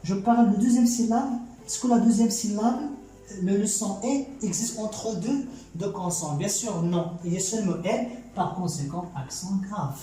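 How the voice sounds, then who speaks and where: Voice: mid-range voice, normal speed, dark tone. A teacher with a Moroccan accent, patiently explaining a grammar lesson and answering their own questions. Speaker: French teacher. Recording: very echoey room, distant mic, faint music.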